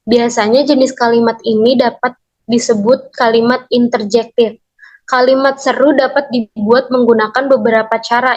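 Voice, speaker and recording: A young woman, a university student, reading a lesson summary aloud in a steady, list-like way, numbering each point. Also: fairly high pitch, dull audio. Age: young adult.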